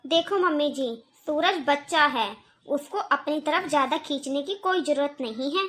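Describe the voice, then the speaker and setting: A woman voicing a scheming, sharp-tongued young daughter-in-law in a cartoon, taunting and threatening. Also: high-pitched, moderate pace. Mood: scornful. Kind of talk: cartoon voice acting.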